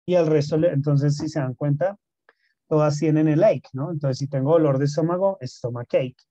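Mellow-voiced teacher. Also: male voice, a little high, steady tone, moderate pace, dry recording. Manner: mixes Spanish and English, frequent "¿no?" and "¿listo?" checks. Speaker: English teacher. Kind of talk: online class explanation. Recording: dull lo-fi sound.

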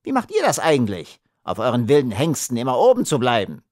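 A man's voice: mid-range voice, wildly swooping pitch, a little fast, darkish tone, no room sound, clean studio sound, pitched above the performer's own voice. A male narrator voicing a tiny, frightened male arms trader who whines and shrieks his complaints in an audiobook. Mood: shrill complaint. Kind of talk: audiobook character voice.

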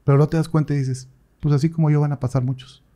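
Animated priest, mellow voice. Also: male voice, on the high side, fast. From Mexico. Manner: animated storyteller, acts out quoted voices. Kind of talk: casual interview chat.

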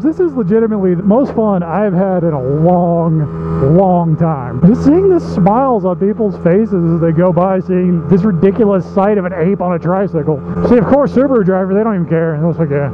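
A man chatters excitedly while riding a tiny motorbike through town traffic, joking with his viewers as he goes. His voice sits high and swings all over the place. The sound is dull and muffled, with loud road and engine noise underneath. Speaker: motovlogger. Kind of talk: casual motovlog commentary while riding.

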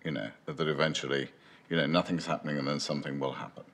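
A man's voice: a bass voice, steady tone, fast, a bit bright. An older man, a screenwriter, answering interview questions in a thoughtful, musing way, often restarting phrases and adding "you know". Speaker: screenwriter interviewed about his film. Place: dim indoor room with lamps behind. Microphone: medium shot, seated, unseen mic.

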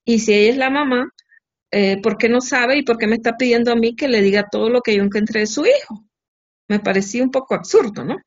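A woman recounting a story in conversation, lively and full of tag questions. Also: on the high side, brisk. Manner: animated, with frequent tag questions. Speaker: interviewee. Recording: dull lo-fi recording.

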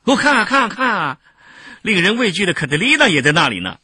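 A male narrator voicing an excitable young Roman man who exclaims eagerly as he points things out in a crowd, in a storybook reading. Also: medium pitch, a little fast, husky, no room sound, studio quality, pitched above the performer's own voice, exaggerated voice. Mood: excited.

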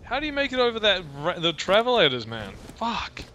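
Brief: chatty gamer guy, swearing, pitch bouncing around. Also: huge pitch swings, brisk, noisy background. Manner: frustrated, swearing, joking. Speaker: gamer, channel host. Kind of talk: casual gaming chat.

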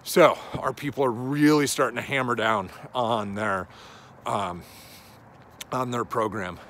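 Holding his phone at arm's length, a coach in his thirties wanders a residential suburban street, thinking aloud in a relaxed vlog monologue. He speaks a little slowly in a fairly bright, medium-pitched voice, and there's slight background noise.

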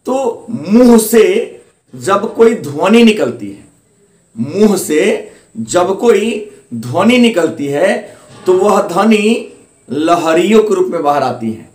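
High-voiced man teaching in an echoey room. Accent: Hindi, eastern. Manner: repeats key terms slowly, asks and answers himself. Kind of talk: classroom grammar lesson. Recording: echoey room, mic at a distance.

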